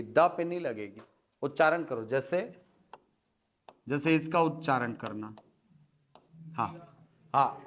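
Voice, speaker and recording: A man teaching Hindi spelling to a classroom, breaking words into letters slowly and often asking if students follow. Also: fairly high pitch, a bit bright. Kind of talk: classroom lecture.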